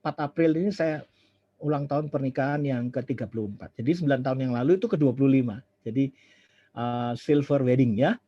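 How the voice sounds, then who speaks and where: Husky preacher telling a story. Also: male voice, medium pitch, brisk. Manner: chatty, animated, acts out dialogue, drops English phrases. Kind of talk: storytelling sermon. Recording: dull lo-fi sermon recording.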